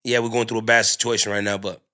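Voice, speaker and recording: A man with a bright, forceful edge to a lowish voice talks as a guest in a relaxed conversation. He leans on loose street slang and keeps circling back with fillers and restarts. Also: fast talker. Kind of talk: candid casual conversation.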